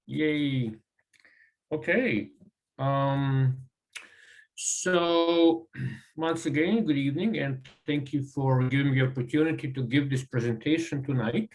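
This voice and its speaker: Presenting as a guest over a video call, a Croatian-accented man speaks haltingly at a mid-range pitch, with plenty of ums and uhs. The recording quality of this online presentation is low.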